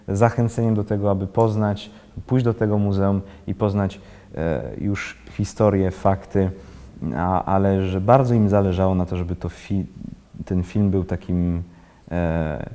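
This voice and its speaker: An actor in his thirties, raised in Switzerland, is interviewed casually while seated in an armchair in a bookshelf-lined library room. His deep, warm voice carries a long reverb tail as he speaks haltingly, frequently restarting to find words.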